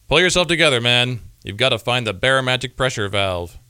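A man voicing a brisk, no-nonsense male starship commander who speaks in curt orders. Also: mid-range voice, lively intonation, pushed and bright, clear, resonant tone, no echo, clean studio sound. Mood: commanding. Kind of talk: radio comedy sketch acting.

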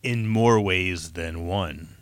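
A man's voice: deep voice, slow pace, pitched below the performer's own voice. A man voicing a wry, offhand young ensign. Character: flustered young male ensign.

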